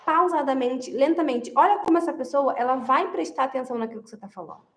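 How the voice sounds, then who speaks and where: A high-pitched woman gives marriage advice, talking straight to her audience. She hammers her points home by repeating them. Her voice rings a little in an echoey room. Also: expressive, rapid-fire. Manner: emphatic, repeats key phrases, addresses viewers directly. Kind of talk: direct-to-camera advice talk.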